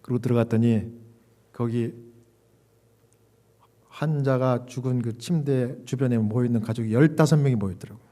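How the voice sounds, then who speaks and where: A middle-aged male pastor telling a story in a sermon, animated, laughing and acting out quoted dialogue. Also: medium pitch, moderate pace, pauses often.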